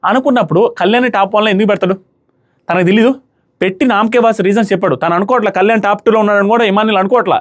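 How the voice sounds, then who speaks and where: A man's voice: sits high, rapid-fire. A young man giving casual, opinionated commentary as a reality show reviewer, emphatic and full of rhetorical questions.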